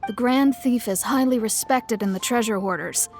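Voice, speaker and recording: A woman with a fairly high, slightly mellow voice that sounds close to everyday speech talks at a moderate pace. She plays a polite young guild receptionist in a video game, speaking formally and courteously. Faint game music plays in the background.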